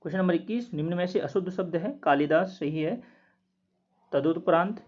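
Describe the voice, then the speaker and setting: A man working through quiz answers as a teacher, steadily repeating each word slowly to explain it. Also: a little high, a little mellow. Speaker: Hindi test teacher. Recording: dull lo-fi recording.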